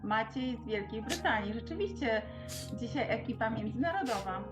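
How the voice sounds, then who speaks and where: A woman's voice: a little high, lively intonation, normal speed. A woman teaching an online class over a video call, her voice coming through a bad connection. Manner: friendly, instructing, greets participants. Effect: bad connection, lo-fi video call audio. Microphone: computer mic on a video call. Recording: dull lo-fi call audio with music.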